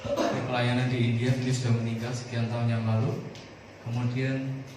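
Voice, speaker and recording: A male pastor preaching a sermon, animated and calling on the congregation to answer together. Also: medium pitch, fairly quick. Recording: echoey room, far from the mic, clear noise.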